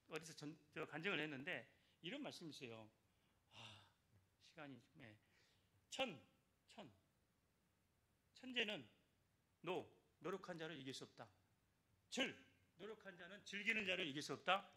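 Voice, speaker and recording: Bright and forceful, this high male voice belongs to an older church elder. Sharing his evangelism testimony, he urges the congregation on, repeating phrases and calling for their response.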